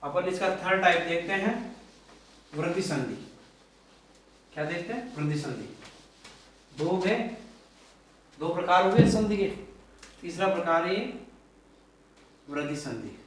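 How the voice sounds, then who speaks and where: Slow teacher in an echoey room. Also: male voice, sits high, expressive, slight background noise. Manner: repeats and quizzes the class with questions. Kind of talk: classroom grammar lesson. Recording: echoey room, mic far off.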